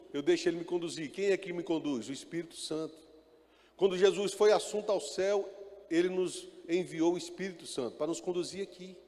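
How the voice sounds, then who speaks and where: A pastor preaching a sermon in church, calling out to the congregation and mixing in joking asides. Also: male voice, high-pitched, a little mellow. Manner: calls out to the congregation, often asking "amen?". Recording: echoey church hall reverb.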